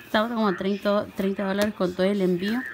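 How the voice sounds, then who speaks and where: A slightly hoarse woman talking in a chatty, affectionate way in a casual home vlog, coaxing and cheering on her child. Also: mid-range voice, fairly even intonation, quick pace, background noise. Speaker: vlogger.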